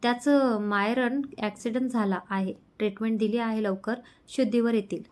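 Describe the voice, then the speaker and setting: A professional male hospital doctor, as a woman storyteller reads him. He reassures in a matter-of-fact way, in a voice that sits a little high. It is a spoken storybook. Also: fairly even intonation, normal speed, darkish tone, lightly acted. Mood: reassuring.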